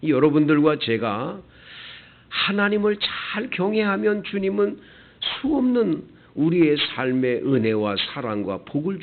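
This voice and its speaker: A male pastor preaching an early-morning sermon, raising rhetorical questions with strong emphasis. His fairly high voice swings widely up and down. The sound is thin and tinny, like it came over a phone line. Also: creaky. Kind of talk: dawn prayer sermon.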